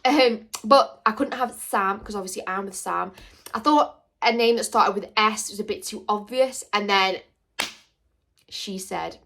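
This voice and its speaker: A woman's voice: medium pitch, a little slow, a bit bright. A young woman chatting casually to camera in a rambling, jokey Q&A. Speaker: vlogger.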